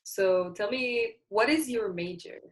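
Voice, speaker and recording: A woman hosts an interview show with a voice of middling pitch. She sounds upbeat, opening with a scripted introduction before moving into her questions. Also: takes it slowly. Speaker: podcast host. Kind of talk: interview hosting.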